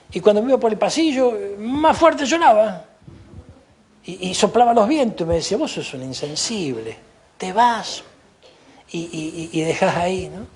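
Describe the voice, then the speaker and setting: An Argentine pastor delivers an emphatic sermon, tossing in asides of praise as he goes. His voice sits a little high for a man and carries a husky edge. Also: a little mellow. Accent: Argentine Spanish. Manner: emphatic preaching, frequent "¿no?" and "gloria a Dios" asides.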